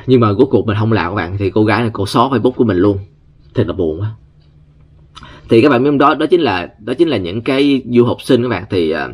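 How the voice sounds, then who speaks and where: Vietnamese male vlogger, lowish voice, chatty storyteller who acts out the people he quotes. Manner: chatty, keeps addressing viewers, animated quoted voices. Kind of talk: casual storytelling commentary. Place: United States.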